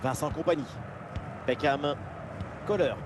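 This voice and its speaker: A man playing an excited football play-by-play commentator, calling names in clipped bursts and surging on big plays. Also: on the high side, a little slow, background noise, close to an everyday voice. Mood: keen, engaged.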